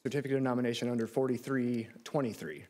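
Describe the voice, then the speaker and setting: A man's voice: medium pitch, fast talker, a little mellow. A man in his thirties delivering a formal legal argument at a courtroom lectern. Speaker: lawyer arguing an appeal. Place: large courtroom. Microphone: lectern microphone.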